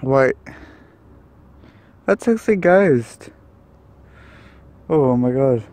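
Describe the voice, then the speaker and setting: A man's voice: medium pitch, lively intonation, very slow, a little mellow. A man filming a ghost-hunting vlog outdoors by a tunnel, talking nervously to his handheld camera with jumpy exclamations. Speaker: vlogger. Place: outdoors near a tunnel and field.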